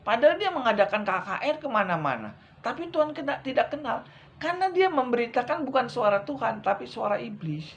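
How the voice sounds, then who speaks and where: A male evangelist preaching a sermon, repeating his points and swinging from loud, urgent lines to hushed ones, speaking straight to his listeners. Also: very high voice, sing-song, a little fast, vocal fry, slight background noise. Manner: addresses listeners directly as brethren.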